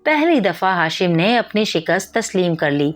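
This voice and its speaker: A woman's voice: lowish voice, sing-song. Woman narrating a moral story. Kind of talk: scripted narration.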